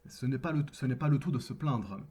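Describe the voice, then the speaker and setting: Husky-voiced French tutor, formal and measured. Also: male voice, mid-range voice, warm tone. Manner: formal, measured, deliberate with pauses. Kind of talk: scripted personal address to camera.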